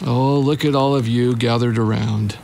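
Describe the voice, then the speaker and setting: A man's voice: medium pitch, steady tone, normal speed, gravelly, warm tone, a little hiss or hum, lightly acted. An actor playing a vain but kindhearted ancient king, regal and hesitant, in a theatrical Bible drama. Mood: flattered, pleased.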